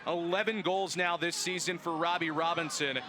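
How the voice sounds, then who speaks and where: Under heavy background noise, a slightly high male voice keeps a steady tone and moderate pace. He's in his early twenties, a sports play-by-play announcer and host giving polished, emphatic broadcast calls and show openings.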